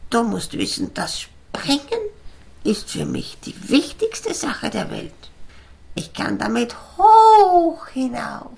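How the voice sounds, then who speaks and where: A woman's voice: high-pitched, vocal fry, heavily acted. A woman voicing a moody female frog with a headache who groans and quacks between her sentences in a children's audio story.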